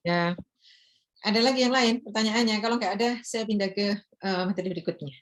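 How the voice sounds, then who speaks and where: A woman lecturer teaching recitation rules, explaining each point and then chanting examples slowly and repeating words for her students. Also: medium pitch.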